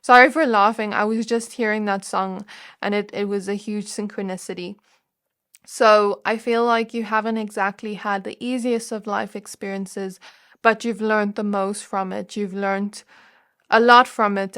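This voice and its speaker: A woman hosting a pick-a-card tarot reading, her voice sitting in an ordinary middle range. She speaks to the viewer gently and reassuringly, musing aloud and pausing often to find the right words. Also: mid-range voice. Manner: musing, searching for words with frequent fillers. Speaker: tarot reader.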